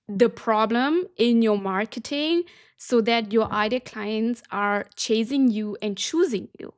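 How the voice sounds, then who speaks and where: A woman's voice: fairly high pitch, no room sound, clean studio sound. A woman business coach teaching a lesson, emphatic and direct, often checking in with her listeners. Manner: emphatic, keeps checking in with "okay?".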